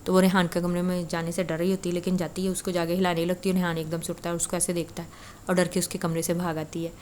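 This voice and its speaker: Woman storyteller, low even voice, relaxed chatty retelling with fillers. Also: a little hiss or hum. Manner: chatty, conversational, frequent filler "na". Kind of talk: casual spoken story retelling.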